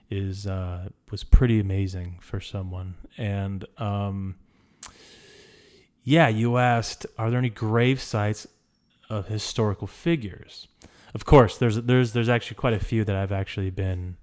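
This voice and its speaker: A man's voice: on the low side, a little mellow. A man hosting a casual solo podcast from a small room, rambling with stammered restarts and fillers. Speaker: podcast host. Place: small hot room indoors.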